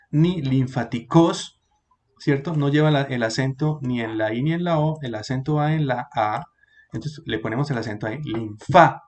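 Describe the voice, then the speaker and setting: A man teaching an online class, patiently explaining and repeating words slowly for his students. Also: mid-range voice, darkish tone.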